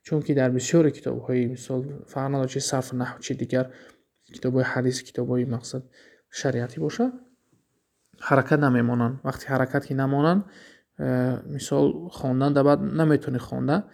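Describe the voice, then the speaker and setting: Man, Tajik accent, Arabic grammar lesson, gravelly, mellow tone, patient explaining. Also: medium pitch, fairly even intonation. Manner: explains patiently, asks and answers his own questions. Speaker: Arabic teacher.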